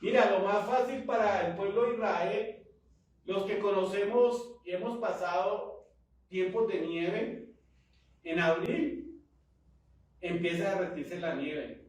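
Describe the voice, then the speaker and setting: A high-voiced man with a Colombian Spanish accent delivers a fervent sermon, pushing his points and drawing answers from the congregation. His voice rings through a big, echoey hall, picked up from well back off the mic. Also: slow, long pauses, recorded from a distance. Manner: preaching with rising fervor and call-and-response. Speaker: pastor.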